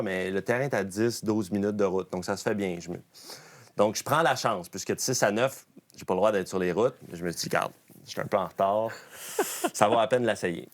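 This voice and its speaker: Quebec guy, pro golfer on a podcast, lowish voice, keeps restarting sentences as he tells his story. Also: a little fast. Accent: Quebec French. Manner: lively storyteller, frequent restarts and self-corrections. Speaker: guest, professional golfer. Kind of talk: casual podcast anecdote.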